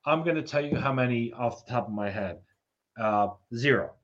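A man's voice: medium pitch, lively intonation, normal speed, a bit bright. A man in a comedic podcast chat, ranting in disbelief and swearing a lot. His voice sits in a middle register for a man. The recording sounds somewhat dull and lo-fi. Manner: profane, incredulous ranting.

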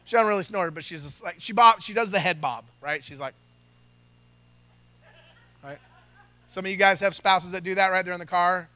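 A middle-aged man preaching a lively sermon to a congregation, joking, acting out quotes and calling for responses. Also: high voice, normal speed, pauses often, no room sound. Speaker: pastor. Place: church hall.

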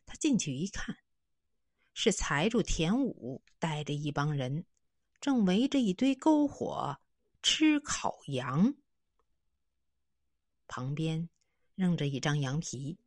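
A woman narrating a children's story in an expressive, animated way. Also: low-pitched, no room sound, studio quality.

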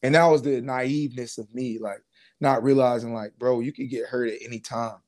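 A man's voice: mid-range voice, moderate pace. A man in his twenties, a former pro football player, telling his story in a casual interview with slang and lots of fillers. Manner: relaxed, casual slang, many fillers and restarts.

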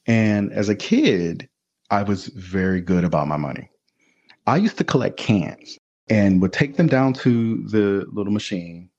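A man telling his life story as a podcast guest, candid and animated, acting out other people's voices as he goes. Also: fairly low pitch, husky. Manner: animated, acts out voices in quotes. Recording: dull lo-fi sound.

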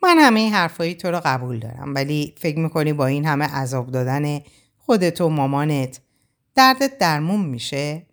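A woman reading a novel aloud, voicing a caring young man who talks softly and coaxingly. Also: low voice, animated. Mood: gentle. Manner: soothing, gently coaxing. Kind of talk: audiobook character voice.

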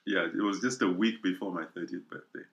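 Man, middle-aged, low voice, earnest, repeats himself, interview testimony. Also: fairly even intonation, fairly quick, a bit bright, muffled recording. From Kenya. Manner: earnest, repeats words as he thinks. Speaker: guest.

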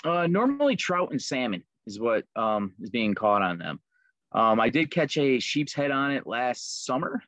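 In a casual interview, a man from Liverpool, New York, talks about making fishing lures in an easygoing way full of ums and fillers. His medium-pitched voice swings widely in pitch and sounds fairly bright at a moderate pace. There's no room sound.

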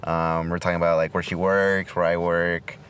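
A man in his twenties chatting casually as a podcast co-host, slangy and crude, with halting phrasing. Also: deep voice, little pitch movement, fairly bright tone, clean tone. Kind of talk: casual chat between friends, with swearing. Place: inside a car. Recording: noisy, recorded inside a car.

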